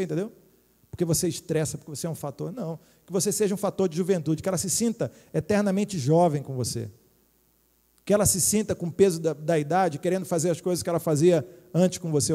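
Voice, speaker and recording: Brazilian pastor preaching in a hall. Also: male voice, sits high, animated, fast talker, mellow. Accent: Brazilian Portuguese. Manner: joking, chatty preaching with many tag questions. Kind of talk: sermon. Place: church hall. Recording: hall reverb.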